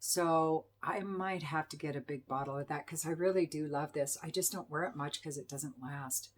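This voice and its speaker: A woman's voice: low voice, moderate pace. Chatty woman reviewing perfumes. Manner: chatty, enthusiastic, with fillers and self-corrections. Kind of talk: casual product review.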